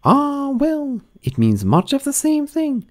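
A man putting on the Duchess, a shrill old gossip. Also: wildly swooping pitch, heavily acted. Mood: gushing, moralizing. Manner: high, sing-song and drawn-out. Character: ugly old noblewoman, chummy and moralizing.

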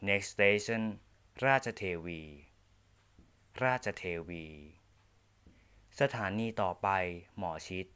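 A man reading formal onboard train announcements, in a measured, deliberate delivery. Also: fairly low pitch, fairly even intonation, sharp tone, clear, resonant tone. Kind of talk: prerecorded bilingual train announcements.

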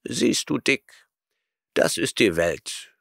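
A man's voice: fairly low pitch, very animated, slow pace, vocal fry, a bit bright, no room sound, clean studio sound, exaggerated voice. A man reading an audiobook voices an arrogant, eccentric male professor who lectures impatiently and snorts at his listener. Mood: lecturing.

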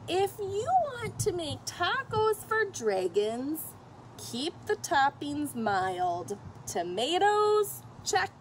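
This middle-aged storyteller's voice sits high as she reads a picture book aloud to children with expressive emphasis, addressing both her young listeners and the characters. She's on a fenced patio or deck, filmed by a nearby outdoor camera that picks up faint noise.

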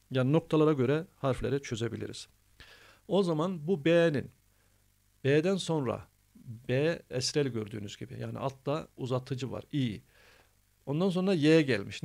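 A man's voice: medium pitch, gravelly, a little mellow. A man teaching Quran reading, patiently repeating rules and drilling syllables one by one. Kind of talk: step-by-step reading lesson.

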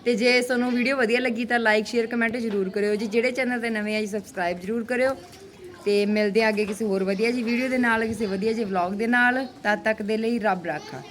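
A woman with a Punjabi accent and a fairly high voice narrates everyday family life for a vlog. She talks casually in an animated, exclaiming way, like someone commenting to relatives and viewers at once. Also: fast. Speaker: family vlogger.

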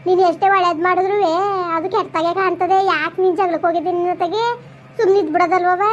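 A soothing, advice-giving village aunty, played by a woman in a comedy skit. Her voice sits very high, and the recording sounds dull and lo-fi. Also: slight background noise. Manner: soothing, advising. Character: consoling village aunty Kamala, middle-aged woman.

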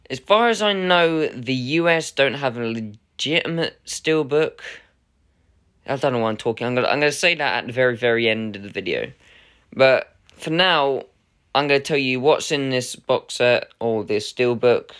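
Male vlog host, mid-pitched, resonant voice, casual and rambling, keeps correcting himself. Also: a bit bright, clear, resonant tone. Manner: rambling, hesitant, with many "uh"s and self-corrections. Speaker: channel host unboxing a film collector's edition.

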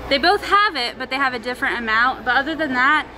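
Giggly high-voiced woman vlogging. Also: animated, fast talker, noisy background. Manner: giggly, chatty. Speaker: vlogger and mother. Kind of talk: casual family vlog chat. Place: car and grocery store. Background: background music.

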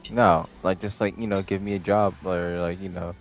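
A young man in casual voice chat with friends, making crude jokes in slang with loud bursts. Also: low-pitched, level tone, normal speed.

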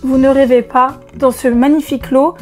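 A woman unboxing video games in a casual vlog, excitable and chatty, with a strained voice she tries not to push. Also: high-pitched, normal speed, soft background music. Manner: excitable, chatty, many fillers. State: strained voice, holding back from shouting. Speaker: vlogger.

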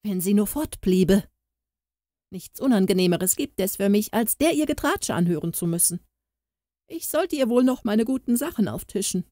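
A woman's voice: medium pitch, animated, normal speed, dark tone, no echo, studio quality, close to an everyday voice. A woman voicing a hypocritical housewife who gushes with sugary, overdone politeness in a storybook. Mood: annoyed. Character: scheming hypocritical housewife, gushing and false.

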